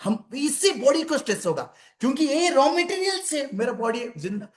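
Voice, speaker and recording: A man's voice: extremely high pitch, very animated, moderate pace. Man giving a repetitive, echoey health talk. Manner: conversational, repeats phrases for emphasis, addresses listeners as friends. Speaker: health and wellness speaker. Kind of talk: motivational health talk to an audience. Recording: echoey room.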